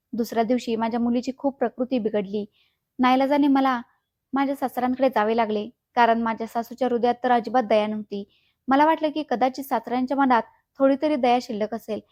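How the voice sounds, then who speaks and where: A woman narrates an emotional first-person story in a sorrowful, earnest way. Her voice sits somewhat high, and the recording is dry and close, with no room echo. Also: darkish tone.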